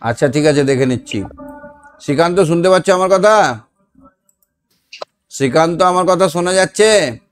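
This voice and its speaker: A man teaching an online class, reading sentences out deliberately and explaining them patiently. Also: a little high, expressive, clear, resonant tone. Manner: patient, repeats words and checks that students can hear. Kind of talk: online class revision lesson. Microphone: online class call.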